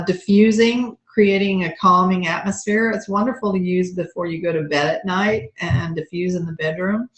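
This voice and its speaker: A woman's voice: on the low side, fairly bright tone. A woman presenting essential oil products in a casual, chatty walkthrough, with many ums and uhs. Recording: roomy echo.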